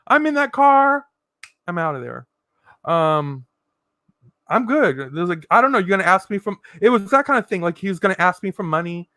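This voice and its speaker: A woman's voice: on the low side, fairly bright tone, no echo, studio quality. A woman vlogger telling stories to the camera in a sassy, dramatic way, laughing often. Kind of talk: chatty storytelling monologue.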